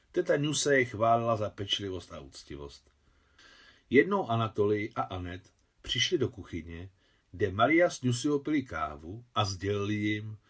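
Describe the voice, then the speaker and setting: A man reads a novel aloud as its translator, narrating in an expressive literary style. His pitch moves a lot across each sentence. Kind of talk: audiobook narration.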